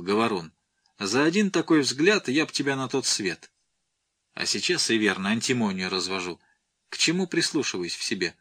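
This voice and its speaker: A man's voice: mid-range voice, a bit bright, no room sound, clean studio sound. A man voicing a cold, menacing male rebel warlord who broods aloud and barks orders.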